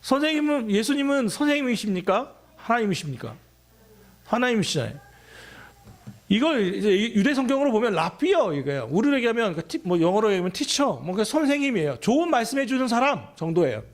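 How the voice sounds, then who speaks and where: A man's voice: sits high, sing-song, fairly quick. A man preaching a sermon as pastor of a church, talking conversationally and asking his listeners many questions.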